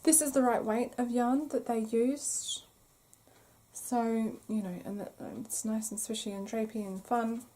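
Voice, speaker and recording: A woman hosting a crochet podcast, chatting casually to camera with a croaky throat she keeps clearing, apologetic and self-deprecating. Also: fairly high pitch, fairly even intonation, measured pace, warm tone. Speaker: podcast host.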